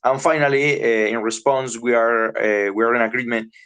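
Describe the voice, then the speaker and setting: A young man giving a class presentation, halting and repeating words as he goes. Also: mid-range voice, steady tone, a bit bright, clear, resonant tone. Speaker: student presenter.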